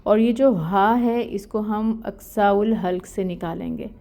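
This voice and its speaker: Woman teacher, patient, mid-pitched, careful step-by-step lesson on recitation rules. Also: dark tone. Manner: patient, explains each letter rule slowly.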